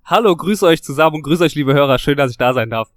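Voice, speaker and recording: A man's voice: on the high side, lively intonation, quick pace, no room sound. A man chatting casually and informally as a guest on a podcast. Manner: chatty, informal, self-mocking.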